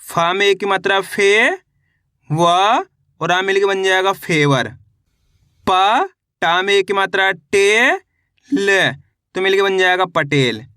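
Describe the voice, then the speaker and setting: A man's voice: high voice, sharp tone, clean tone, dry recording, studio quality. A man teaching beginners to read by sounding out words syllable by syllable, in a patient, drilling manner. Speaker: Hindi reading teacher. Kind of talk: spelling lesson for beginners.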